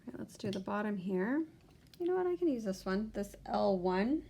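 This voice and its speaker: Young woman, beauty vlogger, gravelly fry in the voice, chatty step-by-step makeup tutorial delivery. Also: medium pitch, very animated, moderate pace, dark tone. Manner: chatty, talks through each step of applying makeup.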